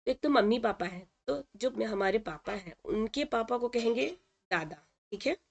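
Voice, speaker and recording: A woman's voice: a little high, animated, normal speed, gravelly. Patient woman teacher explaining a lesson. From India. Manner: patient, repeats words and says "ठीक है" often. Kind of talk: explaining a textbook lesson in Hindi.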